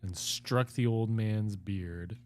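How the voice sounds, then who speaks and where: A man narrates a fairy tale in a casual read-aloud, taking his time over each line. His voice sits a bit low. Faint music plays in the background. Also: takes it slowly, a little mellow. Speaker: storyteller reading aloud.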